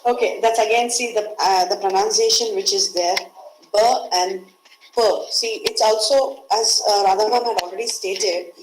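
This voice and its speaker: A woman's voice: mid-range voice, steady tone, normal speed, few pauses, reverberant, slight background noise, low-quality recording. A woman with an Indian English accent, teaching English pronunciation in a webinar and explaining patiently with lots of repetition. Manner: explains patiently, repeats key words. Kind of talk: webinar lecture. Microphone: video call.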